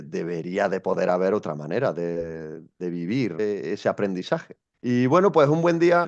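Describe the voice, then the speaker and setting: Lo-fi sound carries the fairly low, darkish voice of a young Spanish education coach. As an interview guest he recounts his story with thought and hesitation, restarting many times.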